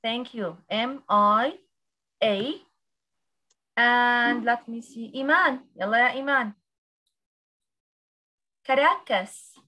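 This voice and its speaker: A woman's voice: a little high, drawn-out words, long pauses, pushed and bright. A woman, teaching English pronunciation on a video call and drilling letter by letter. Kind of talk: online class teaching.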